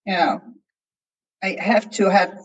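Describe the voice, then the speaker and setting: A woman from Iceland with an Icelandic accent, a novelist chatting hesitantly as a panel guest and pausing often to find her words. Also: mid-range voice, lo-fi sound. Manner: hesitant, many fillers and restarts while searching for words. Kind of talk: casual panel chat.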